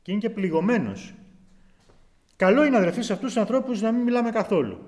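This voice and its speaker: A man's voice: high voice, very animated, darkish tone. A man preaching a sermon, reading scripture aloud and then explaining it to the listeners, whom he calls brothers. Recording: long reverb of a large hall.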